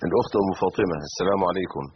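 Egyptian man, low voice, very quick talker, sheikh hosting a religious phone-in; slightly dull, hissy broadcast sound. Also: steady tone. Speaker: host sheikh answering callers' religious questions. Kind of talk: live religious call-in programme. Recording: muffled broadcast audio with background hiss.

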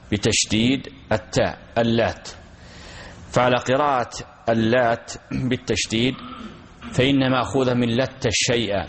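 A man giving a lesson and explaining a text, repeating key phrases and asking and answering his own questions. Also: medium pitch. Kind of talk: classroom lesson on Quranic commentary.

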